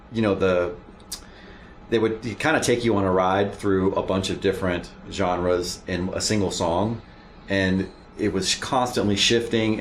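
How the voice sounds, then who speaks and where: A man's voice: low-pitched, slight background noise. A man from Florida, a band member guesting on a radio show, talking enthusiastically in long run-on thoughts. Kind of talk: casual radio interview. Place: radio studio.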